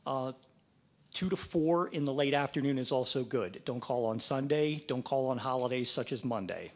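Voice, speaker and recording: A fundraising trainer from the Mid-Atlantic United States speaks at medium pitch and normal speed. His training talk is practical and plain-spoken, and he role-plays sample phone calls.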